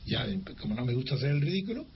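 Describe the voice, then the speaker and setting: A man's voice: fairly high pitch, racing. An older man from Spain recounting a personal memory in an interview, acting out the dialogue with frequent restarts. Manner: lively storyteller who acts out dialogue, with frequent restarts. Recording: dull lo-fi recording with faint hiss.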